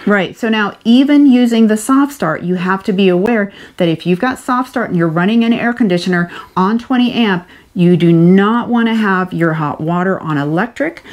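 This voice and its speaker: A woman's voice: medium pitch, moderate pace, few pauses, a little mellow. A woman in her fifties co-hosting an RV vlog, chatting in an upbeat, enthusiastic way from inside an RV kitchen on a lapel mic. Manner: upbeat, enthusiastic, laughs often. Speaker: RV vlogger co-host. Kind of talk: casual explainer chat.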